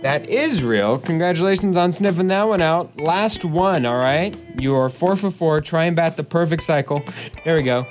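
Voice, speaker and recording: A young man co-hosts a casual sports podcast, quizzing his partner in a joking, playful way. His voice is on the high side at a normal speed, with soft music in the background.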